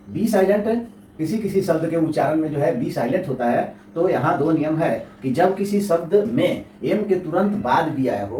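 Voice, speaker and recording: A slightly high, mellow voice belongs to an English teacher from India working through a lesson. He repeats each point and keeps asking himself questions he then answers, heard through a faraway mic with roomy echo and a little noise.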